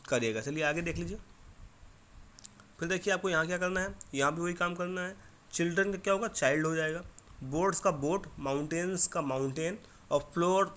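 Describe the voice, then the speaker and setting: A man's voice: a little high, sharp tone. A young man teaching English grammar to schoolchildren, explaining patiently in Hindi with Indian-accented English examples. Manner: patient, repeats "theek hai" to children. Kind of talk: classroom lesson explanation in Hindi.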